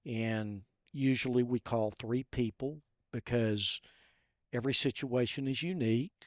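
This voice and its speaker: Brief: male guest, gentle halting storyteller, close dry sound. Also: mid-range voice, dry recording. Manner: soft-spoken and halting, with many fillers. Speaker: podcast guest. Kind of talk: personal storytelling.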